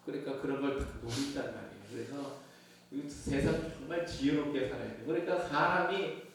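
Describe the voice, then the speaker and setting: A man's voice: medium pitch, fairly quick, vocal fry, slight background noise. A male pastor giving a conversational sermon to his congregation, often asking them questions. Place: church sanctuary. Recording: echoey church from far off.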